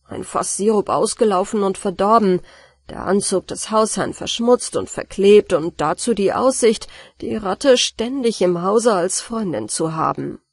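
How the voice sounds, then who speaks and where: A woman reading a bedtime story aloud in a slow, expressive storytelling manner. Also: mid-range voice, husky, no room sound, clean studio sound. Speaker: audiobook reader.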